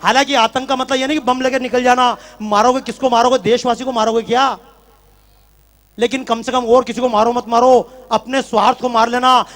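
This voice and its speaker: A man's voice: very high voice, flat delivery, a little fast, fairly bright tone, faint music behind. A male religious speaker giving a fiery speech to a large tent gathering, firing rhetorical questions at the crowd.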